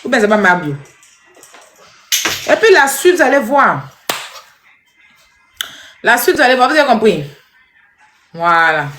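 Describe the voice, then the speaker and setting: A woman giving animated, scolding commentary straight to her viewers. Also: a little high, a little slow, long pauses, soft background music. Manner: animated, scolding, repetitive, addresses viewers directly. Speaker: social media commentator. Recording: echoey room.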